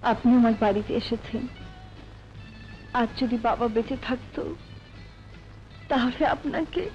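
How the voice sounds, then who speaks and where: A young actress playing a humble orphaned village woman in a melodramatic film, speaking gently and tearfully. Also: fairly high pitch, a little slow, lo-fi sound, soft background music, lightly acted.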